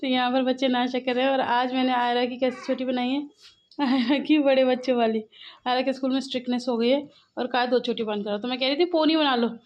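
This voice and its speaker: A woman's voice: high voice, steady tone, fast talker. A young woman and mother chatting casually to her viewers in a home vlog, rambling on about her day as she films on her phone. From Uttar Pradesh, India. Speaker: family vlogger, mother. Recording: dull lo-fi phone audio with faint household noise.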